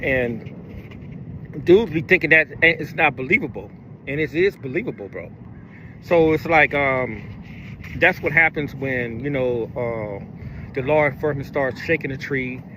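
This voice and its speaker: A man's voice: medium pitch, unhurried, pushed and bright, low-quality recording. A man giving casual commentary, repeating himself and leaning on fillers as he talks. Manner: repetitive, filler-heavy talk. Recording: street noise behind voice.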